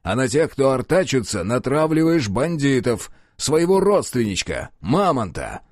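A gruff middle-aged police chief barks and sneers with sharp scorn, as a male audiobook reader puts him on. His pitch swings widely, and the dry recording carries no room sound. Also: very animated, a little slow, no echo. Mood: stern. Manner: gruff, scathing, shouting in anger.

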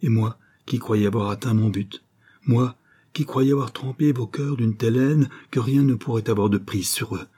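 A man's voice: fairly low pitch, moderate pace, few pauses, a little mellow, husky. A man reading an audiobook, voicing an embittered, vengeful noblewoman who scolds her son in a stern, commanding way. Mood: bitter. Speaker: audiobook reader.

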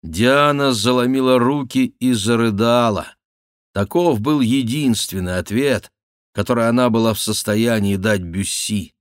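A man narrating a classic novel as an audiobook, in a measured, even reading. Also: mid-range voice, no echo, studio quality. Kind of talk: scripted literary narration.

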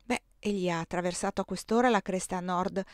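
A woman reading the part of an eager young male servant who tells his news excitedly and insistently, in a dry close recording. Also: fairly low pitch, a little fast, no room sound, lightly acted.

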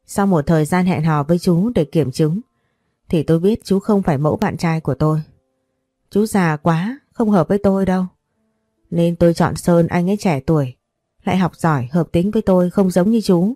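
A woman's voice: fairly low pitch, moderate pace, mellow, no echo, clean studio sound, natural voice. A woman voicing a sassy fifteen-year-old girl who snaps back defiantly.

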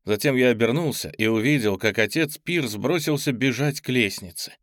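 This is a man narrating an audiobook, his medium-pitched voice reading evenly and at a measured pace. The recording is studio quality with no room sound.

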